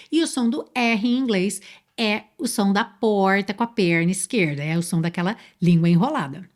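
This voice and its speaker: A Brazilian woman teaching an online English lesson, explaining patiently, spelling words out slowly and asking the viewer questions. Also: mid-range voice. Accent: Brazilian Portuguese.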